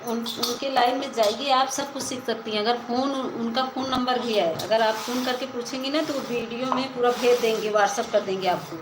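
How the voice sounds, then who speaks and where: A woman's voice: on the high side, steady tone, moderate pace, hardly any pauses. Woman live-stream host, casual and repetitive with advice, rooftop recording with echo and noise. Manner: chatty, repeats advice to viewers. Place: rooftop, outdoors. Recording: echoey with background noise.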